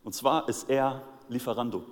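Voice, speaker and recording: A man's voice: mid-range voice, normal speed. A male pastor with a German accent preaching a sermon, telling a Bible story in casual slang and acting out the characters' lines. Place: church hall. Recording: long church hall reverb.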